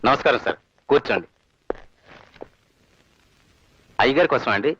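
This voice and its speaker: An actor playing a corrupt police officer who defends himself defiantly, heard as dull film audio. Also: male voice, mid-range voice, lively intonation, racing, a bit bright, faint music behind, lightly acted. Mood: polite. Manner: defiant, justifying.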